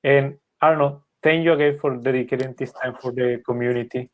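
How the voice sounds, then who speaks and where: A man moderating a webinar Q&A as host on a video call, brisk and courteous. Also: medium pitch, fairly even intonation.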